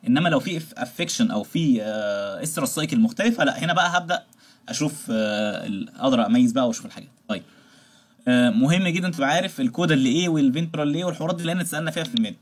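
A man with an Egyptian Arabic accent lectures at a very rapid pace, switching into English terms. His voice is somewhat husky, at a middle pitch, and he keeps checking in with the listener. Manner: rapid, explaining with many check-ins and asides. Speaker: veterinary lecturer.

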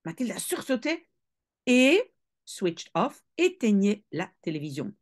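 A woman, a language teacher reading a novel aloud and patiently explaining each phrase to her students, clearing her throat now and then. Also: mid-range voice, big pitch swings, measured pace. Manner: patient explaining, switching between English reading and French explanation.

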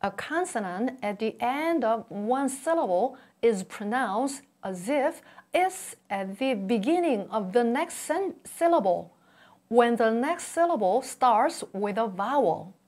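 High-pitched, slow-paced woman teacher. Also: animated, a little mellow. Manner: slow, deliberate enunciation with repeated model words. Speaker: Korean language teacher. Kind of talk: scripted language lesson.

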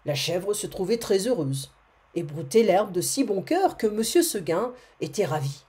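Female narrator for a storybook reading, expressive, mellow, warm tone, some self-corrections. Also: mid-range voice, moderate pace. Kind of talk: reading a classic tale aloud.

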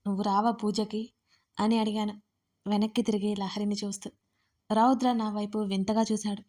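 Brief: woman audio-story narrator, first-person, expressive, even middle pitch.

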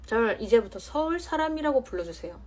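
Quick and very animated, a woman in her thirties from Jeonju, Korea, hosts a casual livestream on her phone, playfully teasing as she reads viewer comments and draws out words for emphasis. Her voice is fairly high with a darkish tone.

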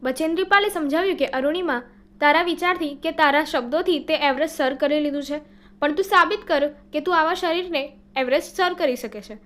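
A woman teaching by reading workbook answers aloud in a steady, explanatory way, now and then correcting a slip. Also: high-pitched, a little fast.

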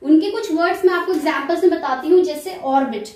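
A woman's voice: very high voice, brisk, darkish tone, echoey room. A woman teaching English grammar in a recorded lecture, explaining step by step and answering her own questions.

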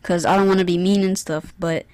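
A woman's voice: fairly low pitch, steady tone, brisk, darkish tone, no room sound. A young woman narrating a casual storytime in conversational, slangy, youthful speech. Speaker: video creator.

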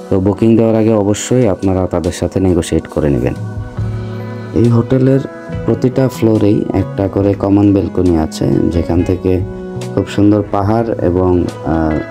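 Low-pitched and Bangladeshi-accented, a man in his thirties narrates a hotel review for his travel vlog, explaining details to viewers.

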